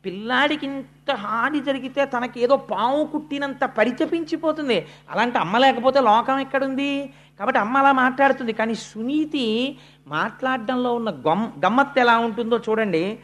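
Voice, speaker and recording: A religious discourse speaker telling a sacred story, moving between slow, emphatic lines and quick narration, and chanting verse. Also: medium pitch, a bit bright.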